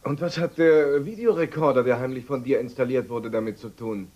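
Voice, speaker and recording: A man's voice: mid-range voice, a little fast, lo-fi sound, lightly acted. An actor dubbing a dry, suspicious man who probes a scheming woman in a soap opera. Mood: probing. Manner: dry, probing. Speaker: brother. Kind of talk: German-dubbed soap opera acting.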